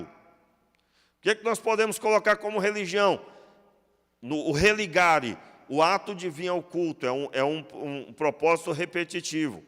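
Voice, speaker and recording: A man's voice: high voice, fairly bright tone. A Brazilian pastor with a Rio de Janeiro accent preaching a conversational sermon, acting out quoted dialogue and putting questions to his congregation. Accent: Brazilian Portuguese, Rio de Janeiro. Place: church hall. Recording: long reverb of a church hall.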